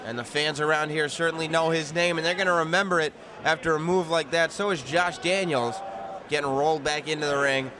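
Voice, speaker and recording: A man's voice: on the high side, steady tone, a little fast, a crowd in the background. A man giving color commentary on live wrestling, with conversational, analytical asides. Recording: noisy live event background.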